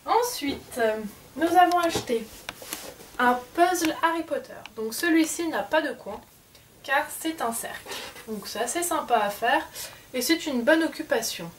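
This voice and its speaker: With an animated, high-pitched voice and a measured pace, a woman casually displays her souvenir collection for the camera, chatty but hesitant, with many fillers. The format is an unboxing vlog. She's recorded from a distance, off-mic, against faint background noise.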